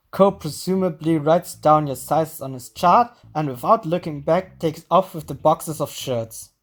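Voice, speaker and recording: A woman with a low voice reads a visual novel's narration aloud at a steady pace. Faint music plays underneath. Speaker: game narrator, reading aloud.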